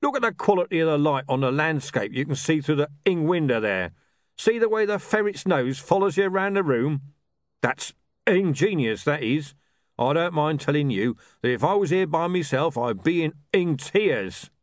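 In an audiobook, a man voices a loud, coarse, swearing thug, blunt, forceful and gruff, in a lightly acted performance pitched above his natural voice. The delivery is a little high with lively intonation at a moderate pace, recorded dry at studio quality.

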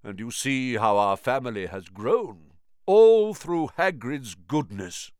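A man voicing an ancient giant male spider, croaking and grave, speaking slowly and solemnly. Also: mid-range voice, expressive, a little mellow, no room sound, clean studio sound. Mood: fretful. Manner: slow, solemn, clicking menace.

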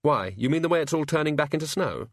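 Man voicing a cool-headed young woman, brisk, no-nonsense, raised pitch. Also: animated, no echo, studio quality. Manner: brisk, matter-of-fact.

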